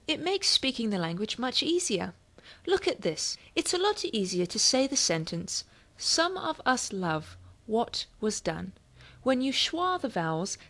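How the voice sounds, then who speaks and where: A woman playing a lively language explainer. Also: high voice, full character voice. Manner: explanatory, playful.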